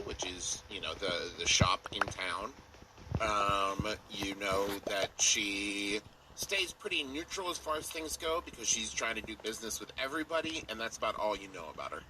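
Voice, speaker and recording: A man's voice: fairly low pitch, moderate pace. Male game master, earnest and plain, distant noisy capture. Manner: earnest, voices townsfolk in a plain voice. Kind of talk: narrating a tabletop game. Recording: distant mic with loud noise.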